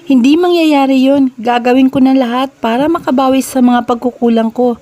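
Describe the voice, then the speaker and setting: A woman's voice: sits high, moderate pace, mellow, close to an everyday voice. Woman voicing an earnest, remorseful husband. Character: remorseful doting husband, adult man, gentle. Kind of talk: storybook romance reading.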